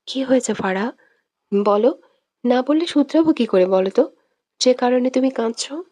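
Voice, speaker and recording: A woman voicing a possessive young man who speaks softly and low but turns harsh and commanding when angry, in a romantic audio story. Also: expressive, normal speed. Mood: soft, coaxing. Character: stern possessive young man, tender yet quick-tempered. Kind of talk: scripted audio drama reading.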